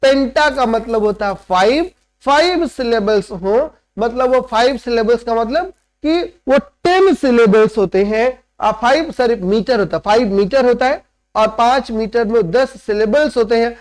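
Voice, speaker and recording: A male literature teacher with a strikingly high voice delivers a classroom lecture. He explains each point step by step and mixes English terms into his explanations. He keeps pausing to check that his students are following. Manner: explains step by step, often checks understanding with "right?".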